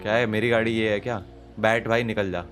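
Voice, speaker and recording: A man's voice: fairly low pitch, fairly even intonation, fairly bright tone. Joking man narrating a game. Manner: joking, chatty, switches between Hindi and English; talks fast over the music. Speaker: gaming YouTuber. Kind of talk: playthrough commentary. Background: game music.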